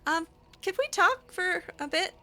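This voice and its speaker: Her voice is very high, animated and sharp, moving a little slowly as she roleplays over a video game. The woman's casual in-character chat is hesitant and wry, full of ums.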